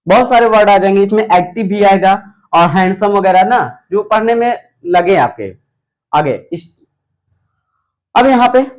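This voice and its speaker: Young male tutor, high bright pitch, wide swings, quizzes the class and answers himself. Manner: repetitive, asks rhetorical questions then answers them. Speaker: English teacher. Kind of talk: whiteboard grammar lesson.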